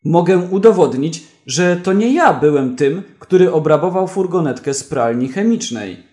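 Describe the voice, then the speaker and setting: A man voicing a brash male prisoner who shouts out loud, excited accusations in a read-aloud story. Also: a little high, normal speed, close to an everyday voice. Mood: insistent.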